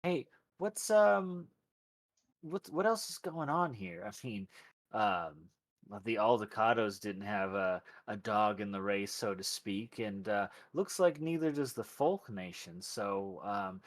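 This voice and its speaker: A man voicing a hesitant, nosy nomad journalist in halting, probing small talk for a tabletop role-play. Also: lowish voice, expressive. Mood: casual probing.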